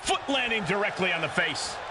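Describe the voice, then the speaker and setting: Game color commentator, male, high-ish and animated, dramatic reactions. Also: fairly quick, background noise.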